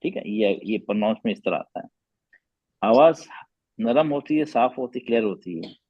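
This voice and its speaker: Patient male tajweed teacher, slightly husky. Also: on the low side, expressive, normal speed, dry recording, lo-fi sound. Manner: patient, repeats sounds and quizzes students. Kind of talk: teaching an online class.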